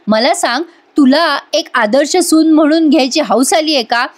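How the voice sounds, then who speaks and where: A stubborn, hot-headed younger sister , read by a woman who fires off sharp, confrontational questions. The voice is high and pushy. It comes across as a plain serial recap rather than full acting. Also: moderate pace, close to an everyday voice. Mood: angry.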